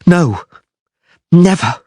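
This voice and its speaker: A man putting on a high strained sorceress. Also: expressive, extremely slow, dark tone, no echo, clean studio sound, full character voice. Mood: cold. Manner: high-pitched strained cries. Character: fierce proud sorceress woman, defiant.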